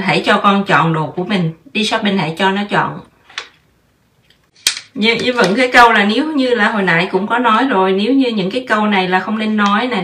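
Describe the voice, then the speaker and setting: A woman's voice: medium pitch, a bit bright, far from the mic, a little hiss or hum. A woman in her thirties hosting a podcast, giving casual parenting advice in a chatty way and slipping English words into her talk.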